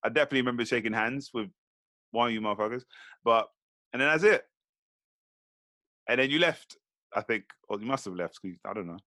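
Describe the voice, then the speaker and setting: A man co-hosting a podcast, telling stories in a lively, slangy way. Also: medium pitch, fairly quick, long pauses, dry recording. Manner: animated storytelling, slangy. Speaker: podcast co-host. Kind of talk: casual podcast chat.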